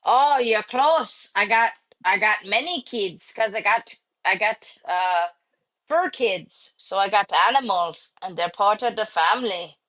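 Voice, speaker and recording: A woman's voice: medium pitch, a little slow, fairly bright tone, rough recording. A woman in her thirties hosting a live stream, chatting casually and joking around. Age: 30s. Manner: teasing, jokey. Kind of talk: casual chat.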